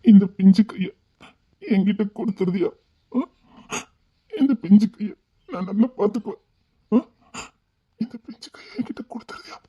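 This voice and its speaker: A woman acting as a lonely, tender-hearted man in a Tirunelveli Tamil drama, tearful and pleading, often hushed. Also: medium pitch, a little slow, pauses often, husky, dull audio.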